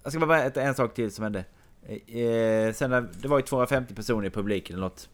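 A man telling a long, meandering anecdote in casual chat. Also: medium pitch.

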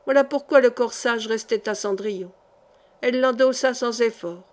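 A woman narrating a historical novel as an audiobook. Her reading is measured and expressive, in a fairly high voice.

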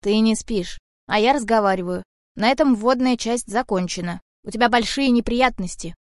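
A woman voicing a big, gruff, rude ginger tomcat who scolds and bosses people around, in an audiobook. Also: on the high side, moderate pace, dry recording, clean studio sound, lightly acted. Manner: loud, bossy, scolding. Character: old male house cat, gruff, rude protector. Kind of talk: audiobook character voice.

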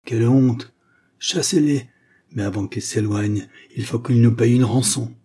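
A man reading aloud, voicing a brutal male village horse thief who stirs up a crowd with loud, accusing shouts. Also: medium pitch, normal speed, husky, lightly acted. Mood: scornful, inciting.

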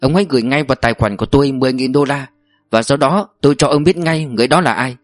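A man's voice: mid-range voice, fast talker, dry recording, studio quality, faint music behind, close to an everyday voice. A man reading an audiobook voices a crafty older security chief who talks bluntly and bossily. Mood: scheming. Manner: blunt, bossy. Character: sly older male security chief, scheming.

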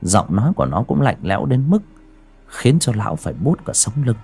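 A man narrating a horror audio story in a slow, suspenseful storytelling manner. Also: lowish voice, big pitch swings, darkish tone, slightly rough, soft background music.

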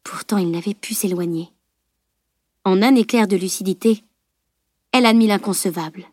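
A woman narrates an adventure novel at a measured, steady storytelling pace. Her voice sits in a middle register. The recording is close and dry, with no room sound. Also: medium pitch, no room sound. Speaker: audiobook narrator. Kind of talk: scripted narration.

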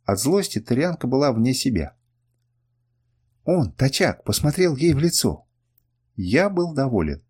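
A man narrating a first-person adventure audiobook in an expressive reading. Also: medium pitch, a little slow, long pauses, husky. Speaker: audiobook reader.

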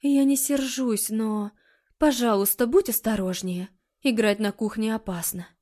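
A woman's voice: fairly high pitch, unhurried, mellow. A woman voicing a worried mother who is firm with her child, her anger held back. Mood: gentle. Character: worried middle-aged mother, stern then gentle.

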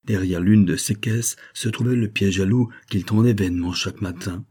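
A man with a low, mellow voice reads a classic adventure novel aloud. His tone is dark and a little husky, and he steps up in pitch whenever a character speaks. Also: fairly even intonation, normal speed. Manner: reads all characters, raising pitch for their lines. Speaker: audiobook reader. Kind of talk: scripted narration.

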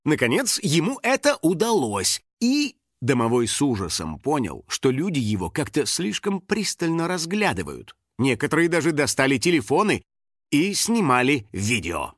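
A male audiobook narrator reading a children's adventure with lively, theatrical storytelling. His voice is a touch high and swoops dramatically up and down through each sentence. The recording is dry and close, with no room around it. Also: normal speed, dry recording.

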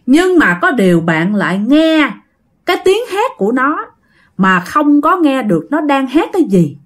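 Animated Southern Vietnamese woman storyteller. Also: high voice, measured pace. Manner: animated, addresses listeners directly, dramatic emphasis. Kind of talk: casual ghost story narration.

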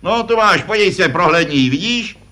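High-pitched, expressive, pushed and bright, a man's voice plays a pompous puppet dad in a vintage puppet comedy sketch, with slight background noise. The puppet performer makes the know-it-all lecture his son self-importantly, leaning on "že jo".

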